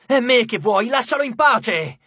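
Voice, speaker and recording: A man's voice: extremely high pitch, expressive, normal speed, a bit bright, breathy edge, no echo, clean studio sound, voice pushed up, full character voice. A man voicing an angry, defiant teenage boy, son of the underworld god, speaking in a raised, strained voice.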